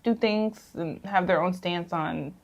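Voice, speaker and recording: A young woman co-hosting a casual podcast, giving measured opinions in long runs. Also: lowish voice, gravelly, muffled recording. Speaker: podcast co-host. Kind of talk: casual chat.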